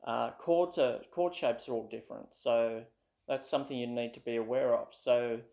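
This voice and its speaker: A man's voice: medium pitch, moderate pace, creaky, a little mellow. An Australian man telling a casual, rambling story to camera, with plenty of ums and uhs. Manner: rambling, with many fillers. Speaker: ukulele vlogger.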